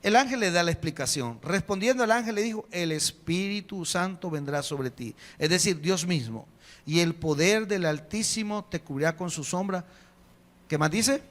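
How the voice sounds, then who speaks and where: A man, preaching a sermon as a pastor, emphatic, slowing on key phrases and putting rhetorical questions to the congregation. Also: sits high, expressive, fairly bright tone. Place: church hall. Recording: long reverb of a church hall.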